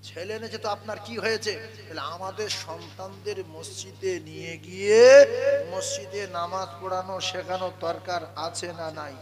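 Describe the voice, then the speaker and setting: A man giving a humorous sermon as a preacher, scolding the crowd in quick asides and breaking into chanted song. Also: high voice.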